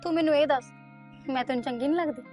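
A woman's voice: sits high, racing, a little mellow, soft background music, lightly acted. A young woman acting a bold, defiant daughter who talks back with sass in a short film. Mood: teasing. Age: young adult. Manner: sassy, argumentative. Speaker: teenage daughter.

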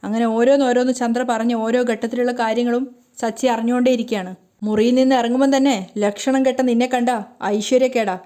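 A woman's voice: a little high, steady tone, a little fast, mellow. A woman narrating a dramatic story recap in a flowing storytelling manner.

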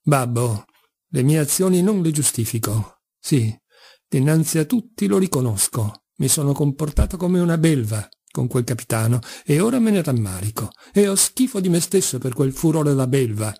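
A man playing a proud, hot-tempered young son in a storybook reading, his voice dropped low and mellow. He sounds gravelly and husky, declaiming with indignant force. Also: sing-song, normal speed, heavily acted. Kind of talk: audiobook character reading.

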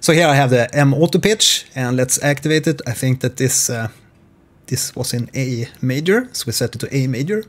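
In his forties and with an expressive, mid-range voice, a man explains music software over screen share from his small home studio. The instruction stays informal and measured.

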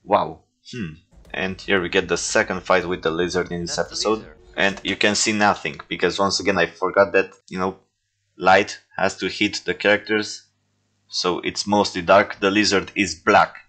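Man, deep voice, toy-film creator reacting to his past work, loose and self-mocking, jokey asides. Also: little pitch movement, moderate pace, sharp tone. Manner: rambling, self-deprecating, joking. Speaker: stop-motion filmmaker reviewing his own movies. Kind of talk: casual reaction commentary.

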